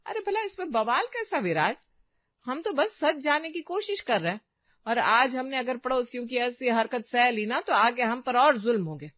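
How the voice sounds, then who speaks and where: A woman voicing a young gossipy daughter-in-law in a cartoon story, shrill and accusing. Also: sing-song, normal speed, no room sound, dull audio. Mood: indignant.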